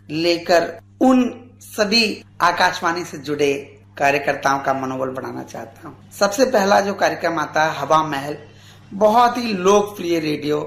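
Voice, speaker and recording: A man in his forties speaks slowly and earnestly as a radio guest, each phrase measured and formal. His voice rings in an echoey room. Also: fairly high pitch, a bit bright. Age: 40s. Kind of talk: formal tribute speech.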